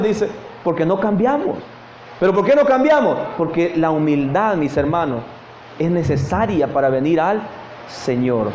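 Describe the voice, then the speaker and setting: A man's voice: high voice, a little mellow, reverberant, highs cut off, a little hiss or hum. A man preaching a morning sermon as pastor, earnestly addressing his brethren and asking questions he then answers himself. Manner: earnest, repeats "mis hermanos", asks and answers questions. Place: church service, morning.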